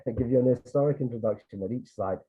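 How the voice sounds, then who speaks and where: A Scottish man from Edinburgh, who works as a tour guide and photographer, tells a casual story on a video call. His mid-range voice is husky and quick, and he rambles with lots of restarts and asides. The audio is tinny and phone-like, typical of a video call.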